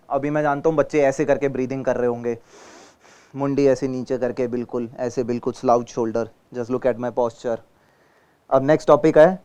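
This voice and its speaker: A man teaching a theatre class, coaching students on posture, breathing and clear speech, often calling them beta and acting out examples. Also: mid-range voice, dark tone. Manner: coaching, addresses students as beta, mixes Hindi and English.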